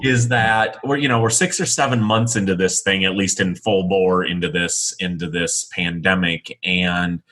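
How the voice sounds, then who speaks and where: A man talking on a podcast as a regular guest, explaining things in a measured way. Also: low voice, fairly even intonation, a bit bright. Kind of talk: casual podcast conversation.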